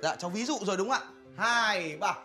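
A man's voice: high-pitched, brisk, bright, forceful tone, faint music behind. An actor playing a young man who poses as an English tutor, fawning and bluffing in a comedy sketch.

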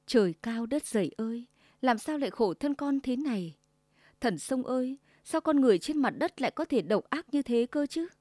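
A woman voicing a gentle, frightened young wife who pleads in a timid, tearful way, in a storybook tale. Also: high voice, animated, moderate pace, no room sound, studio quality.

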